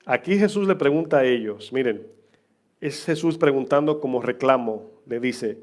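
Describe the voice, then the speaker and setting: A man's voice: medium pitch, animated, moderate pace, darkish tone. A middle-aged man preaching as pastor, chatting with his congregation with humor and questions. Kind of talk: sermon. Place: church.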